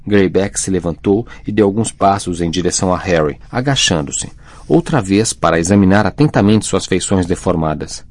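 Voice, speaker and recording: A man narrating an audiobook in a steady, measured reading on a close studio mic. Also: deep voice, no room sound. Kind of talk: scripted narration.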